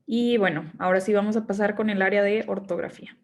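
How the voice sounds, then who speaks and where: A young woman with a Mexican Spanish accent explaining essay structure in a relaxed, chatty way, full of fillers. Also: mid-range voice, quick pace. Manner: chatty, many fillers like este and pues. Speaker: workshop instructor. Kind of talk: casual explanatory teaching.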